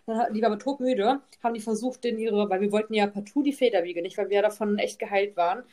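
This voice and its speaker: A young woman, a mother, telling a long story in a casual podcast chat, tagging her sentences with a quick "ne?". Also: medium pitch, warm tone. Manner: chatty storytelling, constant tag "ne?". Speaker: podcast host, mother of two.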